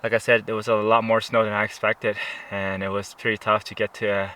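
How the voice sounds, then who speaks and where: Bright-voiced man, halting outdoor vlogger. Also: lowish voice, little pitch movement, slight background noise. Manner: halting, searching for words. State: cold, mouth stiff from the cold. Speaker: camping vlogger. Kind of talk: casual vlog chat to camera. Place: outdoors at a snowy mountain campsite.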